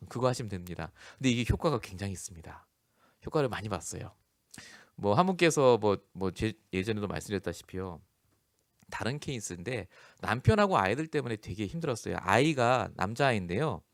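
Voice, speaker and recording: A man's voice: medium pitch, no echo, clean studio sound. A male pastor delivering a storytelling sermon, acting out the people he quotes and laughing often. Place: church.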